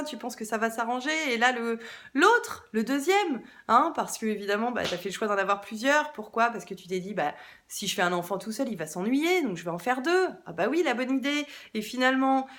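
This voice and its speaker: A woman's voice: fairly high pitch, animated, normal speed, a bit bright. A woman in her thirties, a mother telling a story about her morning in a casual vlog, talking straight to the viewer with lots of hesitations. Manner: chatty and hesitant, many fillers, addresses viewer directly. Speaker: parenting vlogger, mother.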